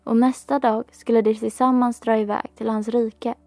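A woman reading a classic fairy tale aloud in a calm, measured storytelling manner. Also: on the high side, no room sound, faint music behind.

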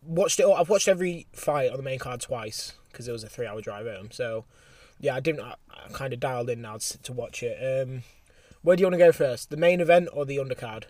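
A man's voice: mid-range voice, fairly quick, few pauses, a little mellow, no echo, far from the mic. A British man hosting a casual, slangy sports podcast, recorded out in a car park. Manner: informal, slangy. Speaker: podcast host.

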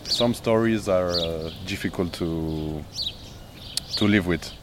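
A man with a lowish voice speaks in slow, halting English, leaning on fillers as he talks about working with local kids. He is outdoors, with light background noise. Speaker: youth worker. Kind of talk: casual interview. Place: outdoors in a neighbourhood.

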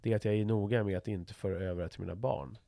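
A man's voice: lowish voice, steady tone, creaky, mellow. A middle-aged man talking frankly in a casual conversation, swearing freely and restarting his sentences as he thinks aloud.

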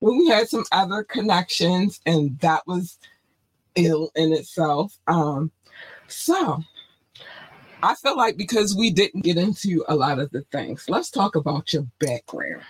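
Excitable man hosting a casual chat. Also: sits high, a little slow, breathy edge, rough recording. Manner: excitable, swears freely, laughs often. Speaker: host.

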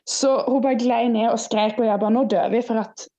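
A woman's voice: a little high, fairly even intonation, warm tone. A young woman guest telling stories in a casual interview, acting out her own past remarks, heard over a video call from a student room. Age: young adult. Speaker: guest ultrarunner. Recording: dull lo-fi video call audio.

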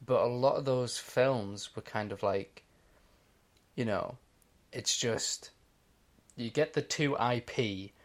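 A man's voice: mid-range voice, takes it slowly. A man co-hosting a podcast in casual chat, explaining his views at length with many "you know"s. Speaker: podcast co-host.

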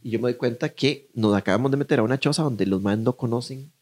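A man's voice: mid-range voice, fast, a little mellow. A young man with a Costa Rican accent telling a story in casual chat, acting out voices as he goes.

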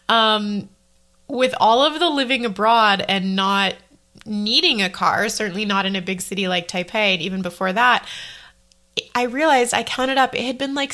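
A woman's voice: mid-range voice, sharp tone. A woman in her thirties hosting a solo podcast, talking casually and rambling, often correcting herself as she goes. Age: 30s. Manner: chatty and rambling, quick self-corrections. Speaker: podcast host.

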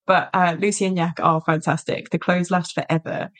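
A woman's voice: on the low side, little pitch movement, moderate pace. Chatty, enthusiastic woman podcast co-host. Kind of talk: casual podcast chat. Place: lives in a small market town in south-west England.

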